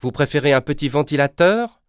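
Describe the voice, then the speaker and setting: A man's voice: on the high side, lively intonation, fairly quick, clean tone, dry recording, clean studio sound, voice pushed up, natural voice. A man voicing a sly, coaxing company voice on the telephone in a children's audio story.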